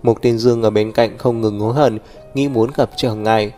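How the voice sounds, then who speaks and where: A male audiobook narrator reads with a mellow, dark tone at a middle pitch. His delivery is steady and even, with faint music playing underneath. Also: moderate pace. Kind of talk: storytelling narration.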